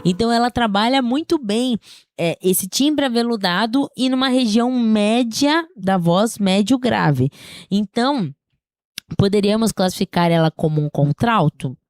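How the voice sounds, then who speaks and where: A woman's voice: on the high side, measured pace, darkish tone, dry recording, clean studio sound. A woman singing teacher with a slightly sore throat, giving a casual spoken lesson, explaining things in a chatty way and often checking in with her listeners.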